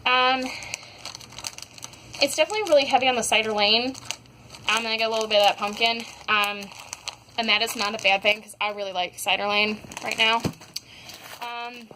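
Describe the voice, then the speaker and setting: A woman's voice: a little high, fairly even intonation, moderate pace, long pauses, background noise. Chatty young woman with lots of ums. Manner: rambling, many ums and likes. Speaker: wax melt haul vlogger. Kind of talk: casual product review chat. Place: home.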